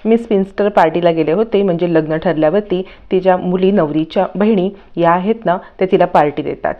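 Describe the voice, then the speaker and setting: A woman's voice: lowish voice, brisk, narrow, tinny audio, close to an everyday voice. A woman voicing a defensive young bride-to-be who answers snappishly, in a TV serial recap.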